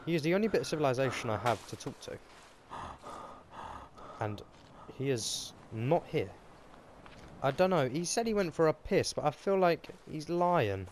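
A young man, chatting casually while playing a game, swearing a lot and breaking into excitable outbursts. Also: on the high side, moderate pace, pauses often, a little hiss or hum. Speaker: gaming host. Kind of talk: casual gameplay chat.

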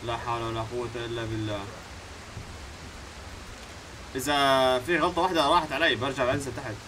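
A man with a Levantine Arabic accent giving let's-play commentary as a gaming YouTuber, talking to himself and the game and swinging between low muttering and sudden yells. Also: fairly even intonation, rapid-fire, background noise.

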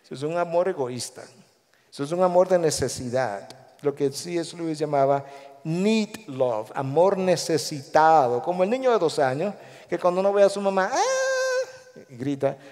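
A male pastor with a Guatemalan Spanish accent preaching a sermon in a large church, animated, acting out the voices he quotes. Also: on the high side, moderate pace. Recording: long echo of a large church hall.

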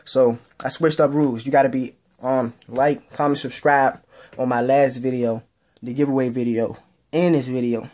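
A man's voice: mid-range voice, steady tone, moderate pace, darkish tone. A young man hosting his own gaming channel, giving a rambling casual update in loose slangy speech that repeats itself. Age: young adult.

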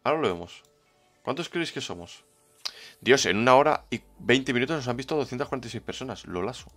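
A man's voice: mid-range voice, animated, fast, fairly bright tone, soft background music. A man with a Spain Spanish accent streaming a game, chatting casually and greeting viewers from the chat by name. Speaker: livestreamer. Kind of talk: casual livestream chat, reading the chat.

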